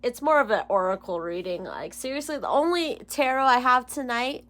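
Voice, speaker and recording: A woman in her thirties, a tarot reader, chats casually with her viewers in a rambling vlog, swearing freely and giggling. Her voice is a little high and a bit bright, with lively intonation and a moderate pace.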